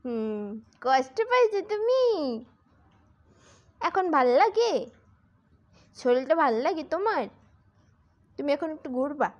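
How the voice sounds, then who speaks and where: A woman's voice: sits high, very animated, a little slow, long pauses, dull audio. A woman talking baby talk to her infant in a coaxing voice. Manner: coaxing, sing-song questions. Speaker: mother.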